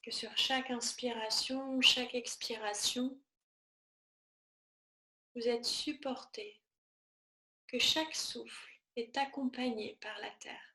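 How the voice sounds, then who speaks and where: Leading a yoga nidra relaxation session, a woman speaks calmly and deliberately in brief, spaced-out phrases. Her voice is on the high side with a sharp tone and fairly even intonation, heard in a reverberant space.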